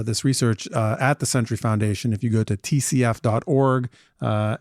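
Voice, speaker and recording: A man's voice: mid-range voice, gravelly, a little mellow, no echo. A male podcast host introduces his guest and asks long questions, stopping often on "uh" as he goes. The sound is dry and close, with no room in it. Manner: halting, many "uh" fillers. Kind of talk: interview hosting.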